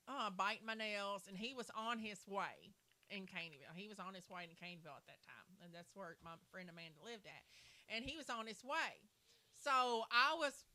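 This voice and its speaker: A woman's voice: mid-range voice, bright, forceful tone. A woman telling a long, rambling personal story on a livestream, circling back with "so anyway.". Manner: rambling, repeats "so anyway" and "and everything". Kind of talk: casual storytelling.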